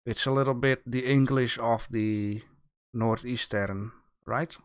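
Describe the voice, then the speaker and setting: A man's voice: medium pitch, fairly even intonation, clear, resonant tone. A man hosting a livestream, chatting casually with his viewers, joking and restarting his sentences as he goes. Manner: rambling, joking with chat, halting restarts. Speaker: livestream host giving art critique.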